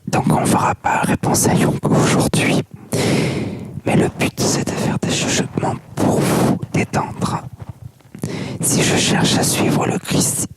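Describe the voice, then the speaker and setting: An ASMR reader whispering softly without voice, like in a library, reading a book aloud with asides. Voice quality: unvoiced soft whisper. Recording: very noisy whisper recording with mouth clicks.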